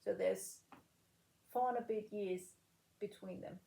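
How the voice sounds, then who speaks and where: In an echoey room, a Danish woman in her late thirties who used to compete in rifle shooting responds to an interviewer slowly and deliberately, leaving pauses between her phrases. She speaks at medium pitch with fairly even intonation and a warm, creaky tone.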